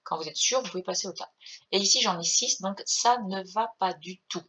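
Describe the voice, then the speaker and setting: A woman's voice: mid-range voice, fairly quick, bright, forceful tone, husky. A woman music teacher patiently explaining rhythm exercises and chanting the rhythm syllables.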